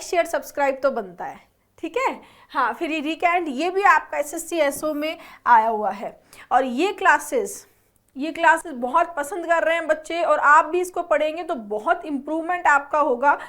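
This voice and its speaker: Young woman with a high voice giving a vocab lesson, lots of quick check-ins, mixes english words in. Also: a bit bright. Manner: explains and quizzes students with repeated check-ins. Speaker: vocabulary teacher. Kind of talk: online exam-prep vocabulary lesson.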